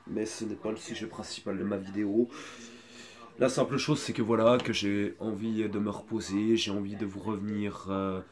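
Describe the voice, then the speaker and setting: A video creator with a cold and a sore throat records a casual apology video on his phone, background music playing. His voice sits on the low side with a level tone, and he speaks hesitantly, rambling with many pauses.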